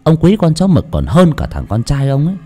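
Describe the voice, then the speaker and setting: A man reading a story aloud as an audiobook narrator, in an expressive, dramatic way. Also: on the high side, a little fast.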